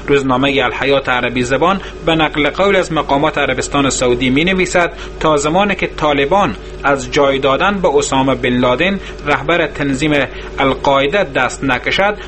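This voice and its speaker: A man, a radio correspondent, reading a formal news report in a measured tone. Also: medium pitch, noisy background.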